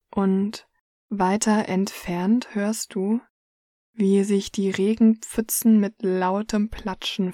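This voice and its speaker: A woman reading a guided relaxation story in the second person, soft and hushed. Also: medium pitch, no room sound, clean studio sound.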